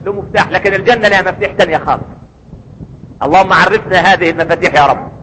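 A man's voice: sits high, very fast, fairly bright tone, in a large hall, slight background noise, poor audio. A man with an Egyptian accent preaching a sermon, emphatic, asking rhetorical questions and answering them himself. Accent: Egyptian Arabic.

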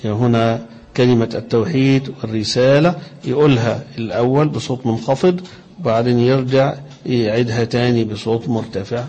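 A man with an Egyptian accent explaining hadith in a religious lesson, reciting quoted phrases slowly and deliberately. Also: medium pitch, dark tone. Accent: Egyptian Arabic. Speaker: religious teacher.

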